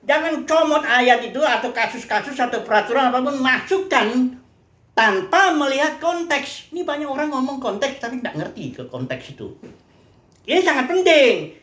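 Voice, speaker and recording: A woman's voice: high voice, lively intonation, moderate pace, fairly bright tone, echoey room. A woman preacher from Indonesia teaching a Bible lesson conversationally, asking questions and answering them herself. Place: place of worship.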